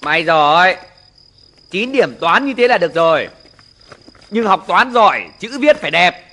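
An actor playing a hot-tempered gambling village father who scolds and shouts at his son, in an old film. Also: high-pitched, sing-song, normal speed, full character voice. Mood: furious.

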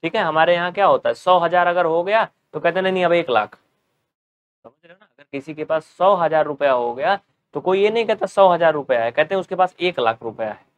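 A man's voice: on the high side, a little fast, narrow, tinny audio. A man giving a step-by-step maths lesson at a board, asking his students questions and answering them himself. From North India. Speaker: teacher.

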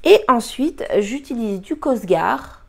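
A woman's voice: on the high side, animated, takes it slowly, gravelly, darkish tone. A young woman at her home kitchen, talking casually through a recipe, hesitant and full of fillers, apologizing often and a little tired. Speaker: cooking and beauty vlogger.

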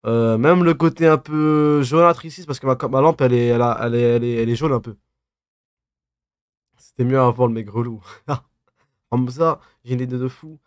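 A man in his twenties with a lisp on his s sounds sits at a desk in a small, dim room, livestreaming and teasingly reading and answering comments in slangy banter. His voice is smooth and medium-pitched at a moderate pace, recorded dry with clean studio sound.

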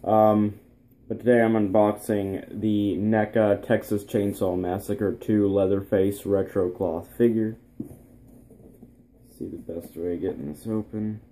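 A teenage man chatting casually through an unboxing vlog in his bedroom, relaxed and rambling with plenty of ums. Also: fairly low pitch, slight background noise. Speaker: vlogger. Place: small bedroom, indoors.

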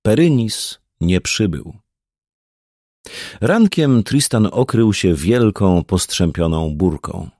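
Brief: low-voiced male audiobook narrator, lively intonation, dry studio sound. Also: takes it slowly, no room sound. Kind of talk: scripted narration.

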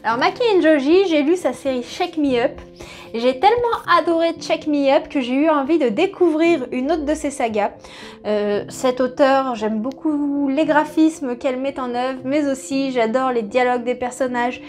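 A woman in her thirties with a high voice chats about her new books in a home vlog, pausing often and hesitating mid-sentence. Soft music plays quietly behind her voice, recorded at home by a camera in front of her. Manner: chatty, with frequent hesitations. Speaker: book vlogger. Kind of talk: casual manga haul vlog. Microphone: camera in front at mid-shot.

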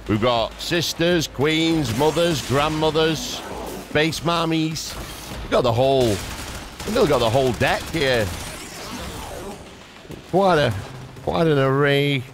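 A gaming YouTuber with a voice on the high side speaks slowly and pauses often, his intonation lively. His playful, casual commentary includes exclamations and mild alternatives to swearing, heard over game music and some background noise.

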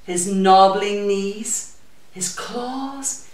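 At story time in a small community library room, a middle-aged woman talks and sings to little kids, using puppet chat and songs in a lively, sing-song way. She speaks very slowly at a medium pitch. The sound comes from a camera a few metres off, so it's distant and very echoey.

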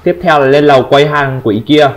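A Vietnamese-accented man commenting on his own gameplay, taunting opponents and breaking into excited shouts. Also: on the high side, moderate pace. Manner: trash-talking, taunting, sudden excited shouts. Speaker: gameplay streamer.

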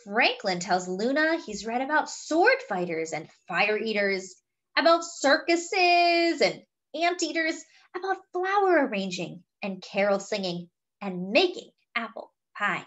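A woman's voice: a little high, very animated, measured pace, fairly bright tone. A woman reading a picture book aloud expressively, with chatty, wondering asides to young listeners. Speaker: children's story reader.

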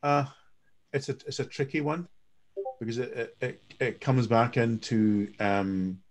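A man on an online panel talking casually, halting and repeating words as he restarts. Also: mid-range voice, fairly even intonation. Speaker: panel speaker on game mastering.

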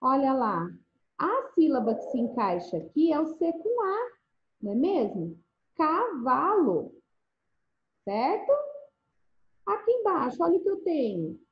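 A high-voiced woman teaches small children, her pitch swooping up and down in a coaxing, sing-song way. The sound is dull and lo-fi, with an echoey room around her. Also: wildly swooping pitch, a little slow, long pauses. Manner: sing-song, coaxing, with frequent checks for agreement. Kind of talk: remote first-grade lesson.

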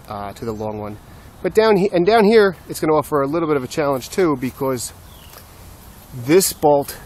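A man casually explaining his building work step by step, with a self-deprecating streak. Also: mid-range voice. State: slightly out of breath. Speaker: DIY builder. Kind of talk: casual how-to narration.

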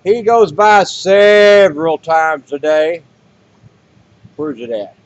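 An older man with a slightly high, expressive voice rambles slowly and folksily about groceries and canning in a casual home vlog, using many fillers. He's in a small room indoors, recorded on a webcam or handheld camera with dull lo-fi audio.

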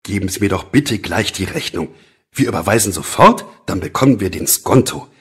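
A man playing a brisk, excitable office boss with emphatic, theatrical delivery in a scripted lesson dialogue. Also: low-pitched, slightly rough, exaggerated voice. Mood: pleased, brisk.

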